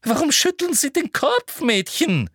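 A simpering, toad-like witch official in an audiobook, voiced by a man. Her voice sits very high and sugary and leaps about, turning shrill when crossed. Dry, close recording. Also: big pitch swings, measured pace, dry recording. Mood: furious. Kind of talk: audiobook reading.

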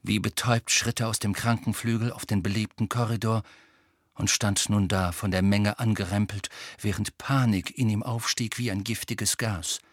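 A man narrating an audiobook in a dramatic, expressive storytelling manner. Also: fairly low pitch, moderate pace, dry recording, studio quality. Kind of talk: scripted narration.

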